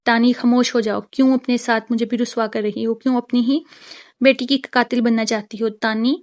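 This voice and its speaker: A woman's voice: a little high, flat delivery, close to an everyday voice. A woman voicing a stern, protective young husband in a novel reading, firm and pleading.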